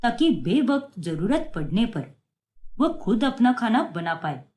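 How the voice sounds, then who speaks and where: A woman's voice: fairly high pitch, sing-song, measured pace, darkish tone, pitched below the performer's own voice. Woman doing a kind, reasonable young brother. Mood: reassuring. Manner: reassuring, explaining.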